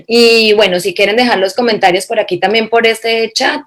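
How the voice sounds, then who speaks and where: A woman's voice: a little high, measured pace. A woman hosting an online event, moderating in an informal, conversational way. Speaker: event host.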